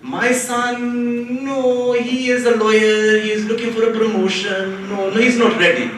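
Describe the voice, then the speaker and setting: A woman's voice: a little high, steady tone, measured pace, very echoey, distant mic, a little hiss or hum, pitched above the performer's own voice, natural voice, low-quality recording. A man voicing a proud older Indian auntie with an Indian accent, from a conference stage. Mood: evasive.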